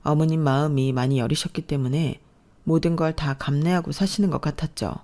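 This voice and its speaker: A woman narrating a family drama as the daughter-in-law, in a calm, soft-spoken scripted style. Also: low-pitched, fairly quick.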